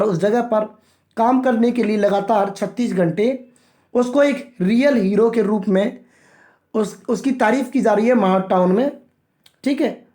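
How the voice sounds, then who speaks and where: A man teaching English vocabulary from a newspaper, reading phrases slowly and explaining each in Hindi, repeating himself and addressing viewers as friends. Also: high-pitched, warm tone. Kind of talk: line-by-line newspaper vocabulary lesson.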